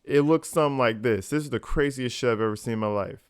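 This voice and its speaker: A man's voice: medium pitch, fast, smooth, no echo, clean studio sound. A man giving informal, incredulous commentary as a video host, swearing casually.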